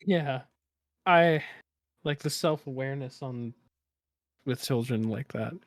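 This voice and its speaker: A man's voice: medium pitch, slow, dry recording, clean studio sound. A young man co-hosting a casual podcast chat, telling work stories with sarcastic humor and frequent laughs. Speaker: podcast co-host.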